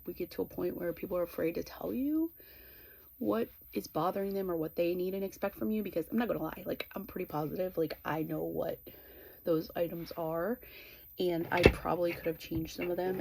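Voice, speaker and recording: A middle-aged woman in a casual, confessional chat to viewers, candid and rambling, with halting, trailing pauses. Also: lowish voice, creaky, a little mellow, breathy edge. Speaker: vlogger.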